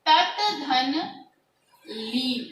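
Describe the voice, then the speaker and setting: A woman with a high voice teaches a grammar lesson, moving slowly through each step. She puts questions to her students and answers them herself. She sounds a little far off, with room echo around her. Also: fairly bright tone, a little hiss or hum. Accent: Hindi.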